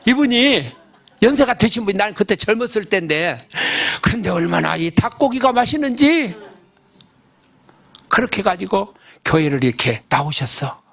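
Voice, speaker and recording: A man's voice: high-pitched, sing-song, normal speed, vocal fry, a bit bright. An older man preaching a sermon as a pastor. He tells a story in a folksy, emphatic way and keeps asking the congregation questions. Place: church service.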